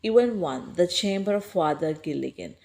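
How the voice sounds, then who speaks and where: A woman teacher with a Malayali accent works through a textbook lesson in a lowish voice. She reads the English lines very slowly and deliberately, then explains them quickly. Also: expressive, gravelly, darkish tone.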